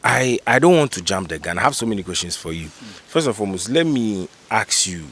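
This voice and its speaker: A man's voice: lowish voice, very animated, brisk, fairly bright tone, husky. A man hosting a casual interview, stacking several questions at once. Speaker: interview host.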